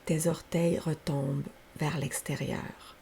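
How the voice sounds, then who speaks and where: In a deep, soft, breathy voice, a female teacher guides a yoga nidra relaxation, her instructions gentle, unhurried and soothing. Behind her there's a faint, constant hiss.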